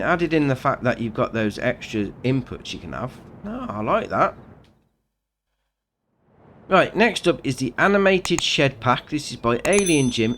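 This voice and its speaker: A man's voice: mid-range voice, fairly bright tone, a little hiss or hum. A man chatting casually through a game mod review, upbeat and saying "very nice" often. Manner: chatty, upbeat, says "right, next up" and "very nice". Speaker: gaming channel host.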